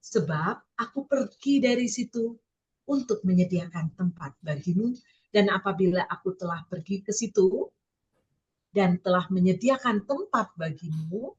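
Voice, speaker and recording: A woman giving a sermon-style Bible teaching. She addresses her listeners directly, often asks them questions, and reads scripture slowly, stressing key words. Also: mid-range voice, lively intonation, a little mellow, dull audio. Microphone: online meeting with listeners muted.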